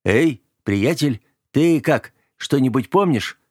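A man voicing a friendly-sounding but menacing young man who switches between easy cheer and cold, clipped calm in an audiobook. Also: mid-range voice, takes it slowly, breathy edge, no room sound, studio quality, pitched above the performer's own voice. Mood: breezy. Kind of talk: audiobook character voice.

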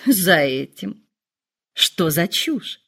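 A woman voicing an excitable, fretful middle-aged mother who speaks in high, gushing exclamations. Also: extremely slow, vocal fry, heavily acted. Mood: excited.

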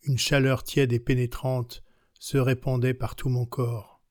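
A man's voice: mid-range voice, level tone, a little slow, darkish tone, no room sound, studio quality, natural voice. Gamiani, a man reading as a worldly young countess. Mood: recounting. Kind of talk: audiobook reading of a classic novel.

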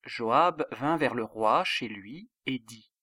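A man reading a Bible audiobook in a measured, solemn manner on a close mic. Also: mid-range voice, expressive, sharp tone, no room sound. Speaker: audiobook reader. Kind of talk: scripted Bible narration.

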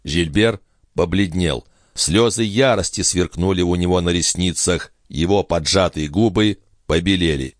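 A man reading a classic novel aloud as a dramatic audiobook, with expressive, theatrical narration. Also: sits low, measured pace, no echo, studio quality.

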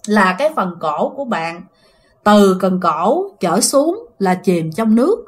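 A woman's voice: medium pitch, unhurried. A woman narrating a ghost story and talking directly to her listeners. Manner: animated, addresses listeners directly.

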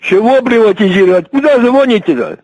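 A man's voice: high-pitched, lively intonation, fairly quick, darkish tone, no echo. A man answering the phone, impatient and irritated, repeatedly asking who is calling. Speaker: call recipient.

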